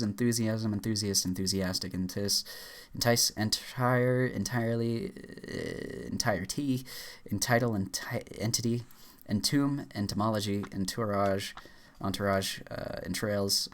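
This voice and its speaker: A man's voice: fairly low pitch, a bit bright. A man on a YouTube channel reading a list of words aloud at a rush, stumbling often with uh fillers and cut-off restarts. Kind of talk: rapid-fire reading aloud of a word list.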